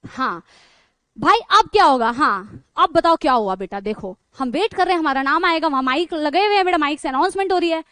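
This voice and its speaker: A woman teacher telling her students a funny story in a chatty, animated way. She keeps checking in with them and laughs as she goes. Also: high voice, a little fast, dry recording. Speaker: online teacher.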